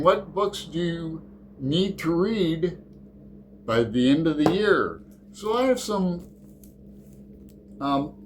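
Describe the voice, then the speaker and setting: There's a little hiss or hum behind this man's higher-pitched voice as he hosts his book channel. Chatting casually through a tag, he wanders off track and hesitates, using a lot of fillers.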